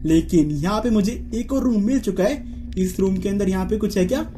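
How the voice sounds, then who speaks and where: A man's voice: high-pitched, animated, normal speed, warm tone, slight background noise. A young man giving running commentary while he plays a horror game, tense, urging himself on and yelping when caught. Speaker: gaming YouTuber.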